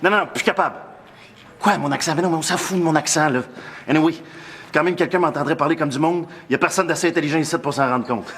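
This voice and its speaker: A man's voice: on the high side, quick pace, a bit bright, close to an everyday voice. An actor playing Rich, a smug con man with a Québécois accent who sneers at everyone. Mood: sneering. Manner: sneering, scornful.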